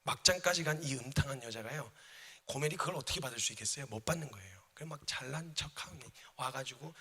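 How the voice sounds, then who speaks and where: A man's voice: mid-range voice, lively intonation, fast, pushed and bright. A man preaching a sermon as a missionary, emphatic and dramatic, addressing the congregation in a church. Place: church sanctuary. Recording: reverberant church hall.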